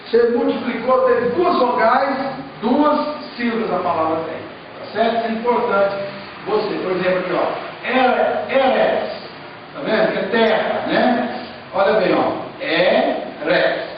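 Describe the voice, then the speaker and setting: High-voiced Brazilian teacher in an echoey classroom. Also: male voice, moderate pace, slight background noise. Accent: Brazilian Portuguese. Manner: explains step by step, keeps checking with "tá certo?". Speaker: Hebrew teacher. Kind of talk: classroom lecture. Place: church classroom. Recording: muffled, echoey room, distant mic.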